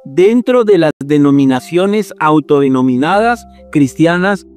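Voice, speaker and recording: A high-voiced man preaching in a mocking, theatrical way, swinging from put-on rapture to scorn. Soft music plays faintly underneath. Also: lively intonation, a little slow. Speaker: preacher and apologetics teacher. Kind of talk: mocking sermon-style teaching.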